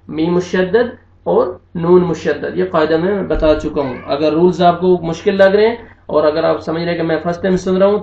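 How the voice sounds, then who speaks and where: A man's voice: a little high, gravelly, darkish tone. A man teaching a Quran recitation lesson, patiently explaining pronunciation rules step by step and spelling out each word. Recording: dull lo-fi sound, roomy echo.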